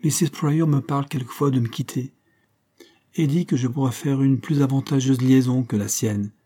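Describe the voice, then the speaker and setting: A man's voice: mid-range voice, steady tone, normal speed, warm tone, natural voice. A man voicing an outspoken young woman in an audiobook, speaking emphatically and with indignation. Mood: affectionate firm.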